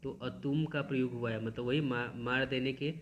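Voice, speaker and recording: A man teaching a school lesson, reading verses slowly and then explaining them with many restarts. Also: medium pitch, steady tone, dull audio, slight background noise.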